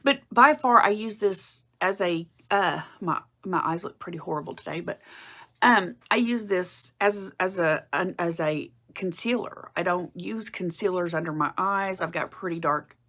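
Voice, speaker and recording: Woman, 40s, lowish voice, rambling casual beauty vlog chat, lots of fillers and restarts. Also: moderate pace, bright, forceful tone. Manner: rambling, self-correcting, with frequent fillers. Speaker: beauty vlogger. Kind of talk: casual makeup update to camera.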